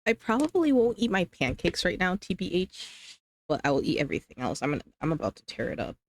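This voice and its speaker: Talking fast with big pitch swings in a mid-range voice, this livestreamer eats and chats casually with viewers. The talk rambles and hedges, full of "like"s and other fillers, with chat read aloud. There is no room sound.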